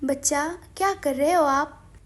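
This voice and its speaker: A woman voicing an affectionate young husband who teases his wife in a soft, lowered voice. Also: a little slow. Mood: fondly teasing. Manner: soft, lowered, gently teasing.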